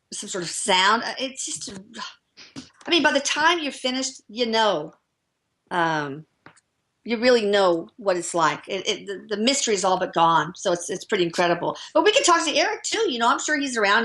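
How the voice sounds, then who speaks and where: A woman's voice: medium pitch, a bit bright. A woman speaking as a guest author, telling stories enthusiastically in casual chat with frequent fillers.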